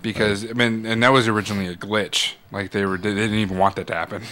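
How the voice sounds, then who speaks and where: A man's voice: lowish voice, little pitch movement, fast talker, a bit bright. A young adult man in casual chat, explaining trivia in long runs and swearing.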